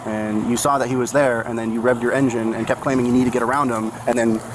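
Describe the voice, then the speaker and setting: Male police officer, brisk and procedural, polite, questioning over noisy bodycam audio. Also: mid-range voice, fairly even intonation. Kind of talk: investigative questioning. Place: outdoors by a driveway near traffic. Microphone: body-worn camera. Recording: noisy outdoor bodycam, vehicle noise.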